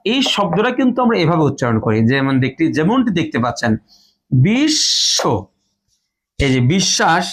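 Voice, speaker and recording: A man with a high voice teaches a grammar lesson in front of a board. He works through each rule step by step and goes over every example word more than once. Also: sing-song. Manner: explains slowly, repeats each rule and example words. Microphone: phone or camera in front of a board.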